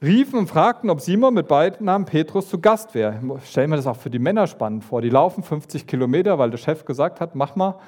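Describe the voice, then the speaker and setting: A man giving a lively sermon, retelling a Bible story and acting out the figures with sudden asides. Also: fairly quick, few pauses. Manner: animated, acts out voices of the story with pitch jumps and asides. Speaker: preacher.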